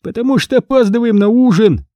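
A man voicing a jittery, joking boy sidekick in an audiobook, with quick quips and nervous energy. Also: very high voice, dark tone, no echo, voice pushed up. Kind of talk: audiobook character reading.

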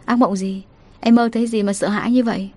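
Woman reader as a gentle, firm young husband, speaking soft and low. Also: fairly even intonation, fast talker, lightly acted. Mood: concerned. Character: worried protective young husband.

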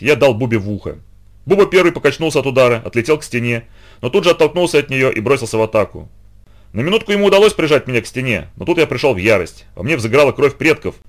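A man reading a children's story aloud at a brisk clip. His voice swings up and down with plenty of life. He sits mid-range in pitch. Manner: animated, quick storytelling. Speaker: narrator.

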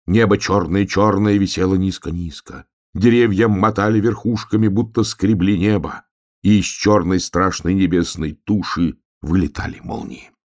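Brief: male storyteller, low voice, measured pace. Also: fairly even intonation. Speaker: narrator. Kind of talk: storybook narration.

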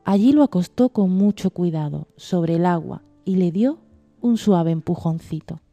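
A woman narrating a storybook tale aloud in a gentle, measured reading voice. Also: lowish voice, lively intonation, soft background music. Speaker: story reader.

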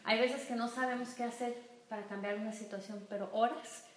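A middle-aged woman gives an informal church talk to a group of women. She teases her listeners and keeps checking in with them, in a voice a bit higher than most women's. The sound is very echoey, with faint noise in the room. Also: brisk, recorded from a distance. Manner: lively, teasing, asks "¿sí?" often.

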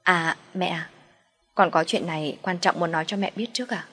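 A woman voicing a young wife, firm in retorts and gentle with her mother-in-law. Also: fairly low pitch, moderate pace, breathy edge.

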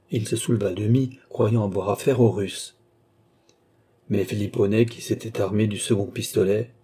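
A man reading a classic adventure novel aloud in a measured, steady narration. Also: fairly low pitch, breathy edge. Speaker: audiobook narrator.

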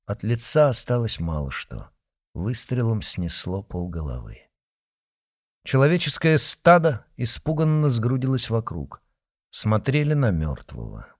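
A man narrating a historical detective audiobook with dramatic, expressive reading. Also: medium pitch, measured pace. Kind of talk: scripted narration.

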